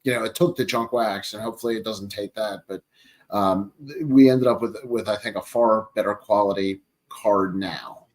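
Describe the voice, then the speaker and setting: Halting man chatting casually as host. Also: on the low side. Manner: halting, searching for words. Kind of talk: casual chat.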